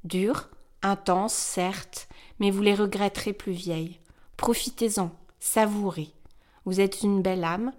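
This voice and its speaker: A woman voicing a wistful, grateful 73-year-old retired factory worker, reading her letter in a gentle, tender way as scripted narration. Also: medium pitch, steady tone, measured pace, close to an everyday voice.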